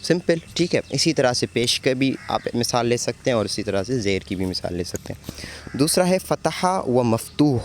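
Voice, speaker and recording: A man's voice: mid-range voice, very animated, slight background noise. A man teaching a lecture on Arabic grammar terms, often asking a question and answering it himself while he repeats the key words. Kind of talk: explanatory lecture.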